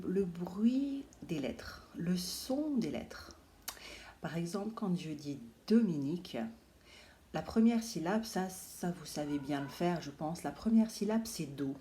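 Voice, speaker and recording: A woman teacher giving a lesson to young children, slowly drawing out and exaggerating each letter sound. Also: lowish voice, warm tone, slight background noise.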